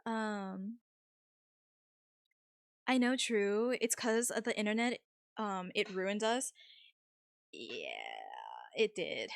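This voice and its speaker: A woman's voice: mid-range voice, lively intonation, slow pace, pauses often, dry recording, clean studio sound. A woman livestream host talking casually and informally with her viewers.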